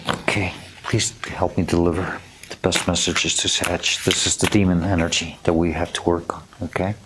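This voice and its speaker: A man giving a tarot reading to camera. He speaks in a gentle, earnest way, keeps checking in with "okay?", and stumbles over unfamiliar names while reading card meanings aloud. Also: low voice, flat delivery, normal speed, background noise. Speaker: tarot reader.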